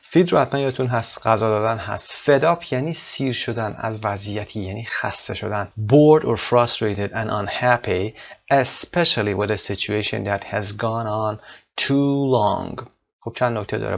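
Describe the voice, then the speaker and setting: A male English teacher explaining vocabulary and pronunciation, reading English example sentences slowly and then explaining them quickly. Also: on the low side, creaky, fairly bright tone. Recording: dull, lo-fi sound.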